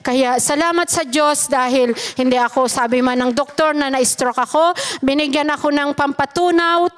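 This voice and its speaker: A woman's voice: high-pitched, normal speed. A Filipino woman giving an earnest personal testimony to a church congregation, emphatic and often addressing her listeners as brothers and sisters.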